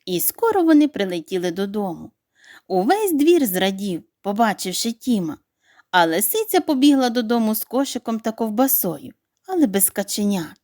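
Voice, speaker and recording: A woman narrating a children's bedtime story in an expressive, animated reading voice. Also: medium pitch, moderate pace, no room sound, studio quality.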